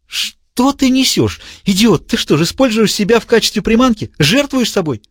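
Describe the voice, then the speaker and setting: Audiobook villain, shrill and frantic, lively pitch, dry close sound, put on by a male reader. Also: moderate pace, slightly rough, dry recording, full character voice. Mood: furious.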